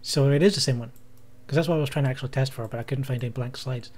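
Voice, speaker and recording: A man's voice: medium pitch, a little mellow. A man playing in a tabletop game, chatting casually and stumbling over his words now and then. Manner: easygoing, quick to laugh, stumbles over words. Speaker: player.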